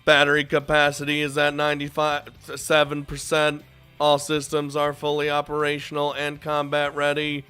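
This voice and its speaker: A woman voicing a female combat robot in a video game, speaking through a robotic voice filter in flat, even status announcements. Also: deep voice, normal speed, smooth, soft background music. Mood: mechanical. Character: female combat robot girl, calm and mechanical. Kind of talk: video game character dialogue.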